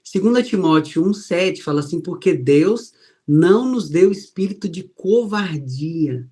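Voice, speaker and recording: Man preaching with lively storytelling. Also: unhurried. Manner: storytelling, acts out quoted voices with rising pitch. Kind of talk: sermon.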